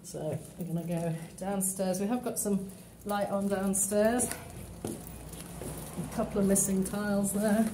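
A woman's medium-pitched voice, flat and unhurried, guides a handheld phone tour of an empty, run-down townhouse as she matter-of-factly points out its features. As an estate agent walking through, she is recorded with background noise, faint ambience and echo from the bare rooms.

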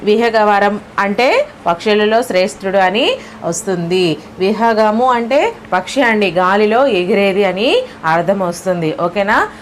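A woman with a Telugu accent walks through an exam lesson step by step, often pausing to ask "okay?" Her voice sits lower than usual because it's early morning, and there's slight background noise.

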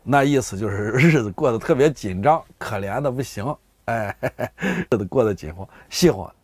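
A man's voice: mid-range voice, normal speed, slightly rough, no room sound. A man, casually explaining local words to his viewers and acting out everyday examples. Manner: animated, often voices everyday speakers in examples. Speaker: vlogger explaining dialect words. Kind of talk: casual explanatory talk to camera.

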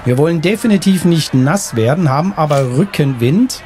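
A man's voice: fairly high pitch, animated, normal speed, a little mellow, slight background noise. A man hosting a casual let's play, thinking aloud as he plays. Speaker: gaming video host. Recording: faint game ambience behind. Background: faint game ambience.

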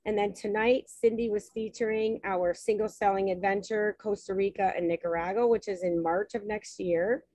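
A woman hosting a travel webinar presents packages over a shared screen on a video call, chatty and prone to ums and restarts. Her mid-range voice is steady and dark, at a moderate pace with hardly any pauses, in a dry, rough recording.

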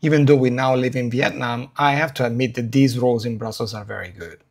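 A man's voice: mid-range voice, fairly even intonation, a little fast, gravelly. A man in his forties chatting as he guides a food tour, eager and talkative. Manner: enthusiastic, chatty. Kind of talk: casual food tour chat. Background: music.

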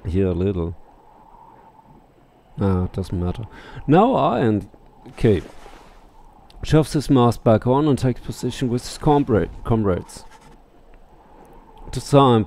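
Speaking into a headset with faint game music behind him, a let's play streamer who seems middle-aged reads game text aloud, mutters to himself and swears casually as he comments. His mid-range, mellow voice is expressive and measured, broken by long pauses.

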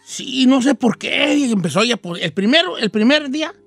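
A man's voice: extremely high pitch, animated, normal speed, a bit bright, soft background music. A male radio host with a Mexican Spanish accent tells a comic folk tale in a chatty, slangy way and makes his own sound effects. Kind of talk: comic folksy storytelling.

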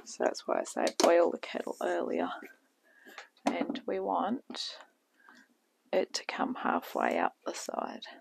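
Whispering slowly and creakily, a middle-aged cooking channel host talks through a casual tutorial in her home kitchen, pausing often and trailing off into mutters. Her fairly low pitch swoops wildly. The camera on the counter captures a noisy kitchen.

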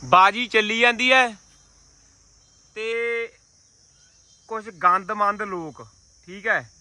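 A man with a Malwai Punjabi accent giving casual vlog commentary outdoors, complaining bluntly in rough village banter and repeating his words. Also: sits high, takes it slowly, bright, forceful tone. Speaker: vlogger at pigeon-flying contest. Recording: noisy outdoor village ambience.

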